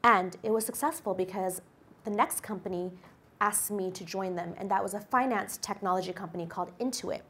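A woman's voice: medium pitch, a little fast. Upbeat woman lecturing on stage. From United States. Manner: lively storyteller with an upbeat, personal delivery. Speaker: company executive giving a guest lecture. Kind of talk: presentation to a university class. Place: lecture hall stage with a projection screen. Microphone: handheld microphone.

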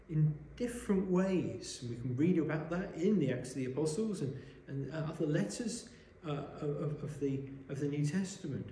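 A man preaching a sermon, explaining a Bible passage in a measured way and asking rhetorical questions, recorded in a church. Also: fairly high pitch, dark tone, slight background noise. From Wales. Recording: echoey church room.

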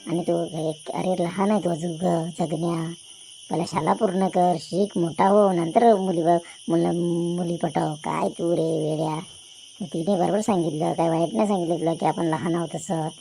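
A voice actor playing an excitable older village man who talks loudly and fusses over his young friend in a cartoon. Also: normal speed, gravelly, a little hiss or hum, lightly acted. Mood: consoling. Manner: loud, high, fussing questions. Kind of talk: cartoon voice acting.

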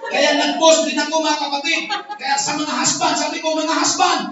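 A male pastor with a Filipino accent, preaching with emphatic, often shouted delivery and mixing English with Tagalog. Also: extremely high pitch, monotone, moderate pace, over a noisy crowd, very noisy. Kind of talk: sermon. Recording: echoey hall from far off, dull lo-fi.

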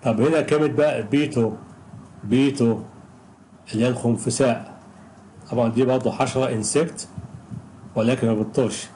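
An Egyptian man gives an English pronunciation lesson in a mellow, relaxed voice. He speaks patiently and says each example word slowly, again and again. A faint hiss sits under the recording. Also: medium pitch, rough recording. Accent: Egyptian Arabic. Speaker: English teacher.

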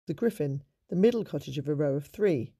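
A man giving a measured, informative narration of local history in a scripted documentary style. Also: a little high, expressive, over loud music.

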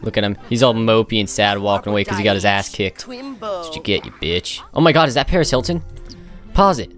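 Male gaming commentator, casual and sarcastic, prone to loud mock-outraged bursts, music underneath. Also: lowish voice, fast talker. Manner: sarcastic, mocking running commentary with sudden loud outbursts.

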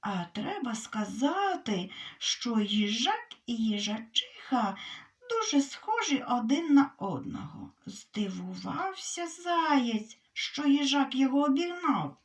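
Woman storyteller for children; high, animated, unhurried, slightly distant sound. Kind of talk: children's fairy tale reading.

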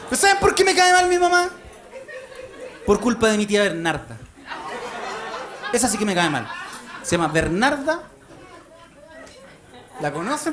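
A man with a Chilean accent performing a stand-up comedy routine on a club stage into a handheld mic, rowdy, switching between confiding asides and shouting. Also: high voice. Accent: Chilean Spanish. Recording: live show with loud crowd and noise.

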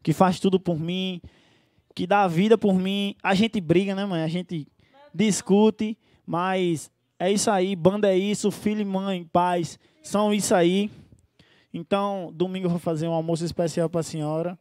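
Effusive high-voiced singer. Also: male voice, fairly even intonation, normal speed, darkish tone, no room sound, studio quality. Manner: effusive, talks straight to the crowd. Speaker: singer hosting his own live stream. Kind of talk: casual live-stream shout-outs.

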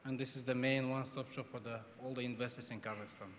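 A man, a government agency chairman, introducing himself with hesitant, halting phrasing. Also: medium pitch, steady tone, background noise. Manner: hesitant non-native phrasing. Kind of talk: panel self-introduction. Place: conference hall stage, seated. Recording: hall reverb.

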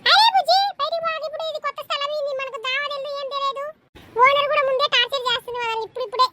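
A woman voicing a young tenant mother in a cartoon, brisk, doting with her child and sharp with others. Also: very high voice, steady tone, slight background noise, pitched above the performer's own voice. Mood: warning. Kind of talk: cartoon voice acting.

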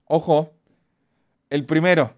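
A young man with a Chilean accent who streams, talking in excited, profane, joking casual commentary. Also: fairly high pitch, slow, dull audio.

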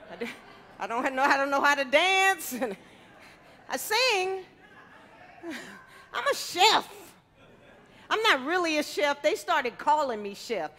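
Her voice sits high and sounds bright and forceful, very animated yet a little slow, with frequent pauses. She's a middle-aged chef giving a live cooking demonstration on a hall stage, teasing the audience playfully over a headset mic. A long, big-hall reverb hangs on the audio.

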